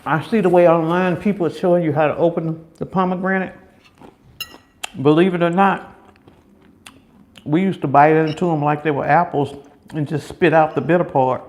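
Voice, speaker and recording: A man's voice: on the high side, fairly even intonation, moderate pace, pauses often, darkish tone, slight background noise. An American man from Chicago chatting casually as an eating-show host, chewing between phrases, folksy and repeating himself for emphasis. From Chicago, United States. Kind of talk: casual mukbang chat.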